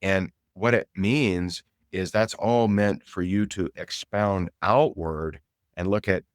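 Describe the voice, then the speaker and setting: Middle-aged male sales coach, deep voice, energetic and emphatic, dry recording. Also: slow, no echo. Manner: energetic, emphatic, repeats key points; casual, conversational storytelling. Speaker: sales coach and show host. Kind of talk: motivational sales talk.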